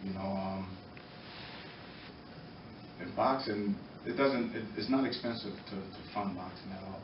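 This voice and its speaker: Speaking off the cuff at a public meeting, a former boxer from Norwalk, Connecticut, supports a youth program in halting, earnest bursts with pauses between short phrases. He's a middle-aged American with a lowish voice. The mic sits far from him in an indoor meeting room, giving a noisy, echoey, muffled and distant sound.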